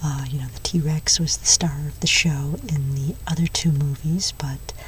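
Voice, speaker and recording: Woman as a low, whispering movie-store clerk, whispered role-play. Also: fairly even intonation, distant mic, slight background noise, close to an everyday voice. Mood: nerdy, fascinated. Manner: soft-spoken, rambling, unhurried, enthusiastic. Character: chatty, nerdy movie-store clerk recommending sci-fi films.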